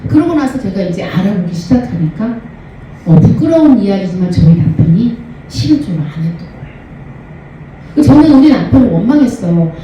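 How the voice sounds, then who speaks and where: A high-voiced, middle-aged woman tells her church testimony with an earnest, animated lilt. Her tone is mellow, and she is heard from a distance in a very echoey church hall. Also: a little hiss or hum. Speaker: church lay ministry speaker.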